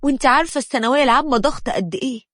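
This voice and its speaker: A woman's voice: high-pitched, racing, fairly bright tone, no echo, clean studio sound. A woman with an Egyptian Arabic accent voicing a nervous, evasive teenage daughter.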